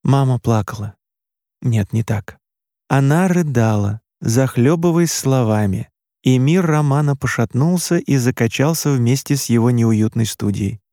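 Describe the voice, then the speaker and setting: This is scripted narration of a novel by a male audiobook narrator with a mid-range voice. He tells the story in an even, measured way, and the studio-quality recording has no room sound.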